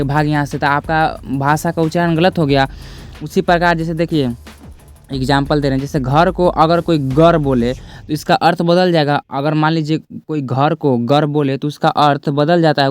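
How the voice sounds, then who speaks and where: A man's voice: a little high, smooth. A young man teaching a lesson, repeating each point twice and speaking straight to his students. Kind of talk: classroom lesson explaining step by step.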